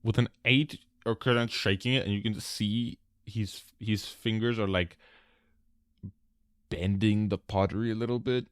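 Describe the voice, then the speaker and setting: Male game master, casual narration with fillers; low voice, dry. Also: fairly even intonation, unhurried, smooth, dry recording. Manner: casual, many fillers, describing scenes.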